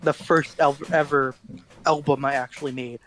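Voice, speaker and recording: A man's voice: medium pitch, steady tone, normal speed, fairly bright tone. A teenage boy, guest musician in an interview, telling rambling self-deprecating stories in casual chat. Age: teens.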